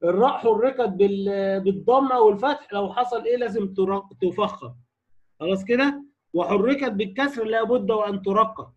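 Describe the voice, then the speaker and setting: Egyptian man, tajweed teacher, high husky voice, casual explainer who recites examples slowly and repeats them. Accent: Egyptian Arabic. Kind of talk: tajweed lesson in colloquial Arabic. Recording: dull lo-fi recording.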